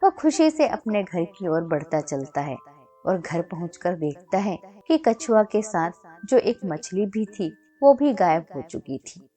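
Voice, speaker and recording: A woman storyteller giving scripted narration of a children's moral story in a steady, even-toned reading. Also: lowish voice, unhurried.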